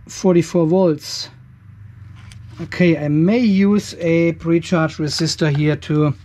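An older man with a German accent and a fairly high, mellow voice hosts a DIY video from his garage workshop. He narrates the hands-on work casually, thinking aloud and poking fun at himself now and then.

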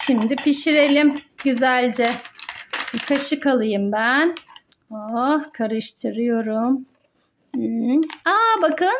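A high-voiced woman leads a toy play session aimed at children. Speaking off the cuff and unhurriedly, she breaks each little step down plainly for her young audience.

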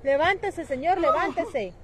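A woman's voice: high voice, expressive, unhurried, crowd noise. A woman, talking urgently and coaxingly to a stranger outdoors at night. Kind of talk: casual night-time horror vlog.

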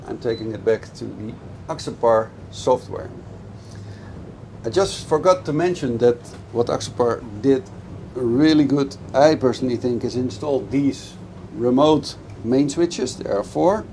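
A middle-aged boat dealer with an ordinary, mid-range voice eagerly explains a boat in a casual product-review walkthrough, recorded aboard a moving motorboat. He talks enthusiastically over the engine, while loud engine and wind noise, plus water sounds, run under everything he says.

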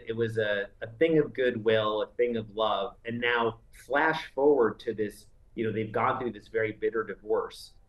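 A man's voice: on the low side, highs cut off. A man in his forties, an entertainment news editor, explains a legal story on a video call in a conversational, step-by-step way with many "you know"s. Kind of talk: remote news interview. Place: indoor room with framed poster behind.

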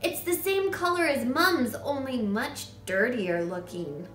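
A woman voicing the family's son, blunt and alarmed, in a loud exclamatory manner. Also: high-pitched, lively intonation, a little slow, reverberant, soft background music, voice pushed up. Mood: blunt insistence.

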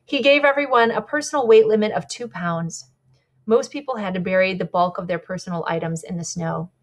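A woman's voice: mid-range voice, brisk. Conversational woman guide giving a talk. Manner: warm, conversational, with small slips and self-corrections. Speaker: polar expedition guide giving a presentation. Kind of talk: presentation lecture with slides.

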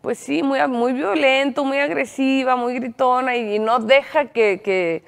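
A woman's voice: sits high, unhurried, vocal fry, big-room sound. A woman with a Mexican accent giving casual, opinionated commentary on a reality show, chatty with many restarts. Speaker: entertainment commentator.

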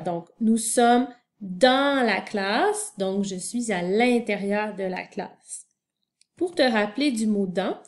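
A woman teacher giving a spelling lesson to young children, spelling words out letter by letter and talking directly to the child. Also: a little high.

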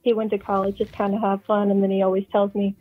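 An eighteen-year-old woman calls in over the phone, her voice squeezed thin by a tinny line. She talks casually and chattily, pausing on ums and starting her sentences over. Faint music plays somewhere behind the call. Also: mid-range voice, completely flat delivery. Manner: chatty, hesitant with ums and restarts. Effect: heard over the phone. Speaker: caller. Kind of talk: casual chat.

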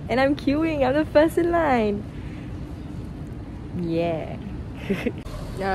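A young woman from Singapore chatting cheerfully to camera through a face mask as she walks and queues for a travel vlog. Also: lowish voice. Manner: chatty and upbeat, talking to camera while walking and queuing. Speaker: travel vlogger. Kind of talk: casual travel vlog chat. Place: outdoors on city streets. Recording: noisy outdoor street recording. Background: street ambience and passing vehicles.

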